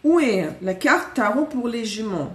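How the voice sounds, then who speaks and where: A woman's voice: a little high, lively intonation, unhurried, roomy sound, far from the mic. A woman from Russia with a Russian accent, chatting casually through a live tarot reading, correcting herself and joking as she goes. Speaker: tarot reader.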